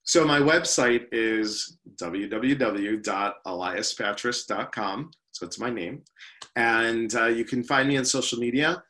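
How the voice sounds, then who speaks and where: A man's voice: mid-range voice, a little slow, pushed and bright. Upbeat guy talking as a guest, leads workshops, keeps saying you know. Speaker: workshop leader and speaker. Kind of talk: interview guest.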